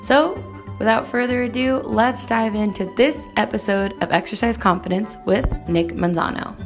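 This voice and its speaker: An upbeat, chatty woman hosts a podcast interview. Her voice sits at a middle pitch, and faint music plays behind her. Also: fairly even intonation, moderate pace. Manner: upbeat, chatty, laughs easily. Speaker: podcast host.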